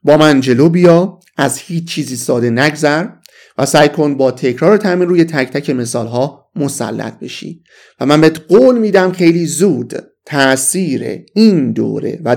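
Teaching English words in a laid-back, eager style, a man with a Persian accent takes the English phrases slowly. His pitch runs high and his delivery is animated, with vocal fry and a somewhat dark tone.

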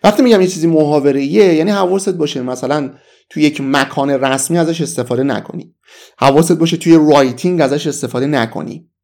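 A man with a Persian accent teaching English vocabulary in a casual, enthusiastic lesson, saying the English phrases slowly. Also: fairly high pitch, darkish tone.

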